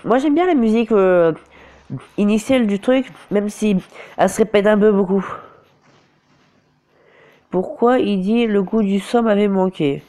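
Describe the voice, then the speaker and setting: Speaking at a measured pace with long pauses, a man with a high voice and dark tone narrates mobile gameplay casually. He has a cold and sore throat, frequently stumbles and corrects himself, and is recorded on a phone screen recorder.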